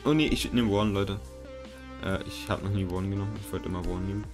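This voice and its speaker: A young man giving casual gameplay commentary, excitable and self-mocking, often swearing. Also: fairly low pitch, fairly quick. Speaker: gaming YouTuber. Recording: game music and gunfire behind. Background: game music and gunfire.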